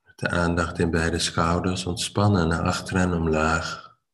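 A man with a very low-pitched voice guides a relaxation exercise. His intonation stays flat and steady, with little rise or fall. He is calm and unhurried, leaving pauses between short phrases as a meditation teacher would. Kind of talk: slow guided body-scan relaxation.

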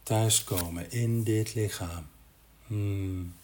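A man guiding a body-scan meditation in a gentle, unhurried manner with long pauses. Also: fairly low pitch, fairly even intonation, a little hiss or hum. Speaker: meditation guide.

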